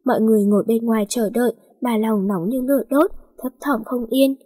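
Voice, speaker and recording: A woman reading a romance story aloud in a steady, plain voice. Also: on the high side, brisk, slightly rough.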